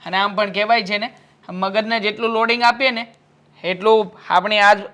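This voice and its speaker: A man acting as a husband caught between his wife and his mother, speaking in a calm, placating way. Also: sits high, moderate pace.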